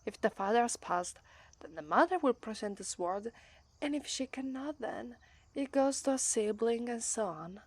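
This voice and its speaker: The mood is wistful as an Italian-accented voice actress from Italy portrays a shy, affectionate young demon princess bride in ASMR roleplay. Her voice is on the high side and expressive at a normal pace, gentle and soft, often whispered, with nervous falters and restarts. It's a dry recording.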